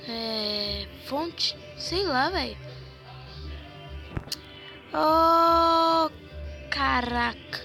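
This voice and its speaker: Brazilian girl gaming, stuffy nose and hoarse, kinda gravelly, game music playing behind her. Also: high voice, expressive, slow pace, long pauses, sharp tone. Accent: Brazilian Portuguese. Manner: thinks aloud, guessing answers, mild swearing. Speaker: gaming channel host. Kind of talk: casual gameplay commentary.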